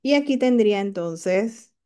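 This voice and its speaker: A woman's voice: medium pitch, animated, unhurried, darkish tone, smooth. A woman lecturing on medical imaging, walking students through scans and checking in with frequent questions. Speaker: radiology teacher.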